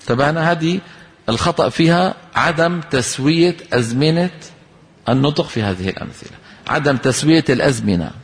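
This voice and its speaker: A man's voice: fairly high pitch, lively intonation, fairly quick. A man teaches Quran recitation, explaining rules and quizzing his listeners. He breaks into short chanted examples now and then. His voice carries a long reverb, as if in a big hall. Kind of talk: tajweed lesson with recited examples.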